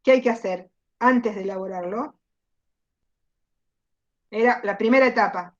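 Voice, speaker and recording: A woman's voice: medium pitch, a little slow. A woman with an Argentine accent, a university teacher giving an online class, explaining patiently and asking the students questions. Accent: Rioplatense Spanish. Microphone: computer mic on a video call. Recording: dull lo-fi video call audio.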